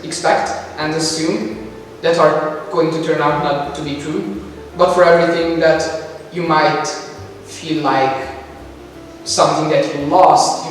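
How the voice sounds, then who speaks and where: A young man, late teens, talks in a loose, chatty way and laughs a lot. His voice sits a touch high. He is heard from across a big, echoing hall with a faint hiss behind him. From Hungary. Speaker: student. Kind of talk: casual Q&A chat. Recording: echoey hall from far off.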